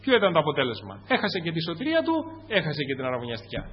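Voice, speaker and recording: Greek guy preaching hard, loud then quiet, kinda muffled lo-fi sound in a big echoey church. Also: huge pitch swings, breathy edge. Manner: fervent, swings between loud peaks and low asides. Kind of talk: sermon. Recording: muffled, echoing church recording.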